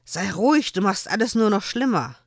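A woman's voice: mid-range voice, lively intonation, moderate pace, vocal fry, no room sound, clean studio sound, voice pushed up. A woman voicing an earnest young man who speaks firmly and reasonably.

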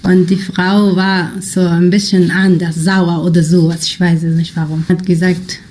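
A young woman from Afghanistan, a non-native speaker, telling her own experiences in an interview in halting German with many pauses and fillers. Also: lowish voice, flat delivery, a little mellow. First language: not German. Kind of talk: personal storytelling in an interview.

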